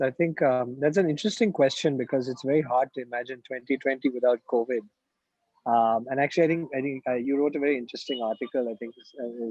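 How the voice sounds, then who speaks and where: A man, a fintech co-founder speaking as a guest on a panel, answering in a measured, conversational way. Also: mid-range voice, mellow, breathy edge, no echo, muffled recording. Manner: fast, measured, with many "um" and "I think".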